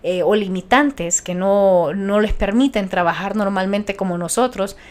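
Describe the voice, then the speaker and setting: A woman's voice: mid-range voice, measured pace. A young woman from Honduras with a Honduran Spanish accent, a radio announcer chatting passionately as a podcast guest. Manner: animated, passionate, many restarts. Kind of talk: casual interview chat.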